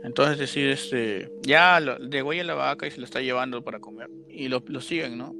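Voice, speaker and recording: A man casually retelling a horror film's plot as a podcast co-host, animated, with sound effects and filler words. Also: mid-range voice, fairly quick, vocal fry, noisy background. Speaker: podcast co-host recapping a film. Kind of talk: casual chat.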